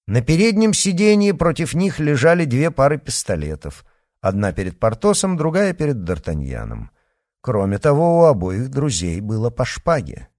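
A man narrating an adventure novel in an expressive, storytelling way. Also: medium pitch, no echo, clean studio sound. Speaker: audiobook narrator. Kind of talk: scripted narration.

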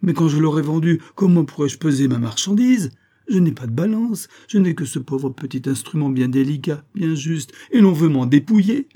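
A man's voice: medium pitch, moderate pace, warm tone, pitched above the performer's own voice, close to an everyday voice. A man voicing a miserly old male moneylender who whines and laments, in a storybook reading. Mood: whining. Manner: wheedling, lamenting.

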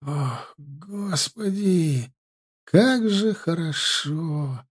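A male audiobook reader voicing a cruel man who savors a young woman's death, drawing out his words slowly and softly. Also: fairly high pitch, sing-song, breathy edge, exaggerated voice. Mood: gloating, ecstatic. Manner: slow, savoring, sinister. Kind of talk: audiobook character reading.

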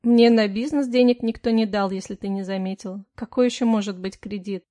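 A woman's voice: mid-range voice, fairly even intonation, dark tone, close to an everyday voice. A woman reading an audiobook, voicing a tired, exasperated young husband who speaks wearily and firmly. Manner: weary, patient, firm, spoken through pauses. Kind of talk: first-person audiobook narration with dialogue.

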